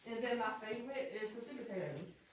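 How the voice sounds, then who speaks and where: A woman's voice: fairly high pitch, expressive, a little fast. A woman giving an informal, chatty guided tour in a cave, telling things in a folksy way. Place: inside a cave. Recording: echoing cave, distant mic, background noise.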